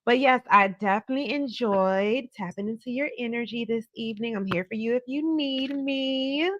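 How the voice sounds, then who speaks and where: A woman's voice: fairly high pitch, normal speed, no room sound, dull audio. Effusive woman psychic hotline host, dry sound. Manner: effusive greetings and thanks, familiar address. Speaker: psychic tarot reader hosting a live call-in. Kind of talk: psychic hotline live reading, conversational.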